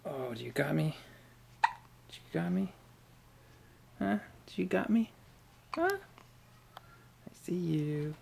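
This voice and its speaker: Gravelly-voiced woman coaxing a baby. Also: fairly low pitch, expressive, slow pace, pauses often, slight background noise. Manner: soft coaxing sing-song baby talk. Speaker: parent talking to a baby. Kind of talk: home video baby talk. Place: on a bed at home. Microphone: handheld camera mic.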